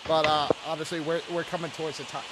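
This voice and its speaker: A man's voice: fairly high pitch, little pitch movement, fast, crowd noise, poor audio. A man hosting a live radio chat, rambling, crude and joking. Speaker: host. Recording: clear background noise.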